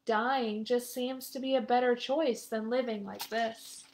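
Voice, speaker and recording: A woman's voice: fairly high pitch, fairly even intonation, unhurried, a little mellow, slight background noise. A woman voicing a frightened male pilgrim who speaks in a trembling, despairing voice.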